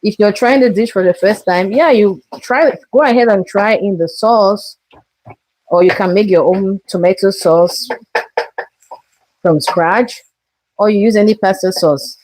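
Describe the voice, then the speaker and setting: A Cameroonian woman hosts a live cooking stream from her kitchen, greeting viewers and walking them through each step. Her mid-range voice is slightly mellow and her pace measured. The recording quality is low.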